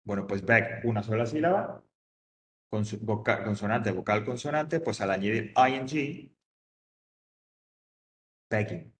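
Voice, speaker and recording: A man's voice: fairly low pitch, a little slow, long pauses, fairly bright tone, echoey room. A man teaching English grammar to an adult class, patiently repeating each point step by step. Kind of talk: classroom explanation.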